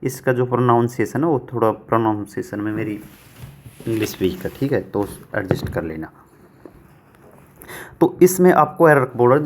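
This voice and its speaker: A man teaching an exam-prep grammar lesson at a middle pitch. He asks each question and answers it himself, repeating the answer. He reads the English example sentences slowly, word by word.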